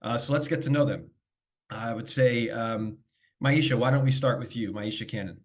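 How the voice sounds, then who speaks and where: A man's voice: medium pitch, normal speed, slightly rough. A man hosting a corporate webinar over a video call, presenting with energy and talking fluently with a few fillers. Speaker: webinar host.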